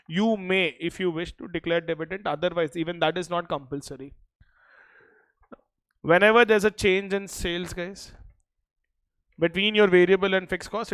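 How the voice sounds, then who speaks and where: A male teacher with an Indian accent delivers a revision lecture in a high, clear voice. The sound is close and dry, and his delivery is emphatic, often pausing to check that the class follows. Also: fairly bright tone, no room sound. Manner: emphatic, repeatedly checking in with students. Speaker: accountancy teacher.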